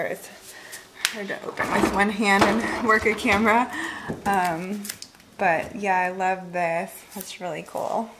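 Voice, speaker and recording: Over a noisy background, a woman with a medium-pitched voice gives a breezy, upbeat home tour vlog. In her thirties, she carries a handheld camera through a large house with an open living room and kitchen, filming herself off screen and chatting with lots of fillers.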